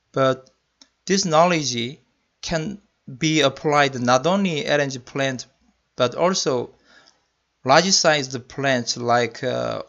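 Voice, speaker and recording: A senior electrical engineering manager with a Korean accent gives a technical slide lecture in a medium-pitched, fairly bright voice. He speaks carefully and deliberately, as a non-native speaker would. The voice-over sounds muffled and lo-fi.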